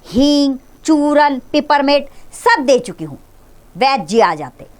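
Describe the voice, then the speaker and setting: A woman's voice: high voice, sing-song, takes it slowly, voice pushed up, full character voice. A woman voicing a worried mother who fusses anxiously over her sick son, reading a school play aloud. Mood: anxious coaxing. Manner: coaxing, anxious.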